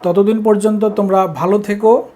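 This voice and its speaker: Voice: medium pitch, steady tone, moderate pace, warm tone. A teacher from Bangladesh, explaining language rules step by step and checking that the students follow. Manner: explains step by step, checks understanding with short prompts. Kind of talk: classroom lesson.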